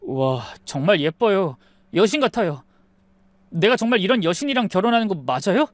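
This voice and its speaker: A woman voicing a young groom who speaks politely and apologetically, in a slightly lower voice. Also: very animated, normal speed, dry recording. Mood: earnest.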